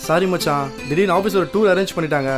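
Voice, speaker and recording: A man's voice: sits high, quick pace, close to an everyday voice. A man playing a breezy, chummy and slightly pushy young businessman in casual film dialogue. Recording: music behind film dialogue.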